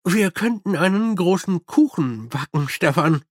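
A deadpan army captain, as a male narrator puts him on in an audiobook, slow and drily ironic, with hesitant fillers. His voice is pitched higher than the reader's own. The sound is close and dry. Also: no echo.

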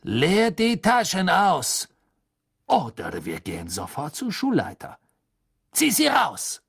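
A man voicing a cold, menacing male schoolmaster who speaks slowly and contemptuously. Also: a little high, lively intonation, gravelly, pitched above the performer's own voice, heavily acted. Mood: threatening. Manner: slow, hissing, contemptuous.

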